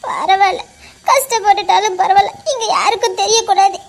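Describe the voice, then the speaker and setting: A very high, thin voice belonging to an anxious young wife, played by a woman who talks in a soft, pleading way with a Tirunelveli Tamil accent. Her voice keeps breaking with tears, yet she stays firm. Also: fairly even intonation, a little fast. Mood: tearful pleading. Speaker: actor. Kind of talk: melodramatic web-series acting.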